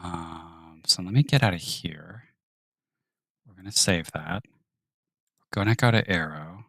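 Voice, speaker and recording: Low-voiced man muttering through his work. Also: slow pace, gravelly, fairly bright tone, no room sound. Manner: thinks aloud, muttering and whispering to himself. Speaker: 3D artist streaming his work. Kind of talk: live-stream narration of work.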